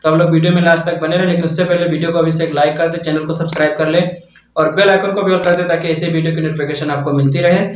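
A man giving a casual language lesson, repeating phrases slowly for his learners. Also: a little high, flat delivery, slight background noise. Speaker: Arabic teacher. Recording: echoey, distant, dull mic.

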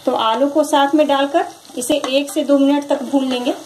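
High-voiced woman narrating a home recipe. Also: moderate pace, slight background noise, rough recording. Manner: calm, instructive, repeats each step. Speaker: cooking channel host. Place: home kitchen, over frying sounds.

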